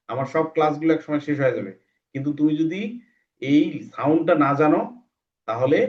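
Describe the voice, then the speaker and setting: A man teaching an online English class for children, chanting the alphabet in slow repeated drills and coaxing his pupils patiently. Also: a little high, lo-fi sound.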